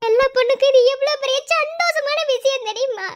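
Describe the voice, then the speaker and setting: A woman's voice: very high-pitched, brisk. A woman voicing Nila, a heartbroken young village woman in a cartoon, speaking with a Madurai Tamil accent in a pleading, tearful way. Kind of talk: cartoon voice acting.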